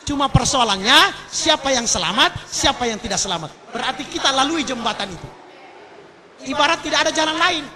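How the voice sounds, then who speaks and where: A man preaching a sermon at a large gathering, fervent, swinging between loud outbursts and low murmured exclamations, with chanted Arabic verses. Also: lively intonation, a little fast, a little hiss or hum. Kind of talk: sermon at a mass religious gathering. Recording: crowd audible behind the voice.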